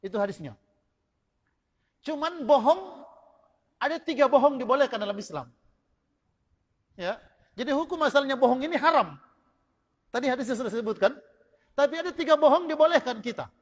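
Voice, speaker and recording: A male preacher with a Manado Indonesian accent delivers a sermon in a very high voice. He tells stories and acts out their dialogue with animation. The recording carries the long reverb of a hall. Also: normal speed, long pauses. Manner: storytelling with acted-out dialogue, animated. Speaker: Islamic preacher.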